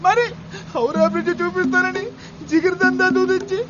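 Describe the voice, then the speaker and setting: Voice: very high voice, fairly even intonation, a little fast, over loud music. A speaker in comedic film dialogue, scolding and hurling insults. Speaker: film character. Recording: dull film soundtrack with noise.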